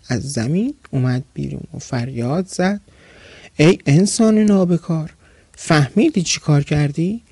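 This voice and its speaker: Male storyteller, gravelly, dry close sound, measured narration. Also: mid-range voice, mellow, dry recording.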